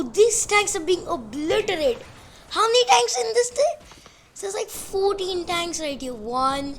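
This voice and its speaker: A woman giving excitable gameplay commentary on a battle simulation, rambling, easily amused and counting units aloud. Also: sits high, vocal fry, slight background noise.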